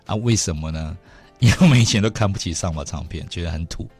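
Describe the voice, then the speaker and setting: A middle-aged man with a Taiwanese Mandarin accent hosting a radio talk show, telling stories in an animated way. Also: low voice, breathy edge, soft background music. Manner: fast, animated storytelling with laughs. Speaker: radio host. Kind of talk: casual radio chat. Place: radio studio.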